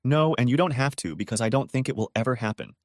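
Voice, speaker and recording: A man's voice: mid-range voice, quick pace, no room sound, studio quality, natural voice. A man putting on a soothing, pleading woman friend. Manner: soothing, apologetic, insistent. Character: calm, pleading woman friend, soft but firm.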